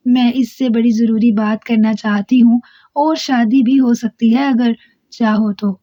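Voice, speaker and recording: A sly trickster disguised as an old woman, put on by a woman narrator, pleading and wailing in a phlegmy, quavering voice. The storybook crone sits a little high in pitch, with a mellow tone. The recording is close, dry and a bit dull. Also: steady tone, dry recording, lightly acted. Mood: wheedling. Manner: wheedling, sobbing pleas.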